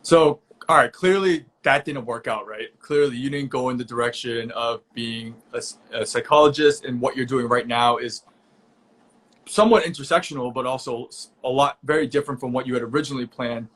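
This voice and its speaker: A man's voice: mid-range voice, brisk, fairly bright tone. Upbeat young man hosting a video call. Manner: casual, upbeat, with frequent fillers. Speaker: host. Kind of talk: virtual event interview.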